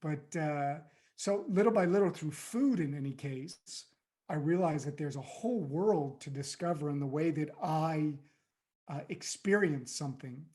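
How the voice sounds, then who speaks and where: Mellow-voiced American man telling stories. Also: on the high side, unhurried. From United States. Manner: reflective, storytelling, many fillers and restarts. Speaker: podcast guest, life coach. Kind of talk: conversational interview.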